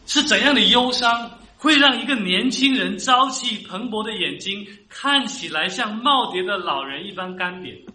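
A man's voice: high-pitched, sharp tone, reverberant, poor audio. A man preaching a sermon as pastor, earnest and rising to emphatic peaks.

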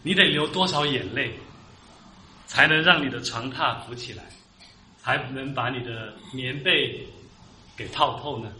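A man's voice: medium pitch, measured pace, pauses often, pushed and bright, reverberant, slight background noise, poor audio. A man preaching a sermon as pastor, earnest and rising to emphatic peaks.

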